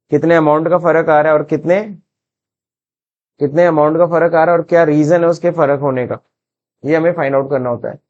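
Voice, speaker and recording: A man with an Indian English accent teaching an accounting software lesson, switching between Hindi and English and asking and answering his own questions. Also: a little high, muffled recording. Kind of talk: screen-recorded classroom lesson.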